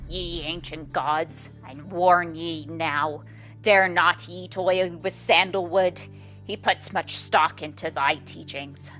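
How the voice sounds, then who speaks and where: A woman voicing an old serpentine bog crone from a game, solemn and deliberate, in archaic formal speech. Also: on the low side, steady tone, fairly bright tone, soft background music, low-quality recording. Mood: stern warning.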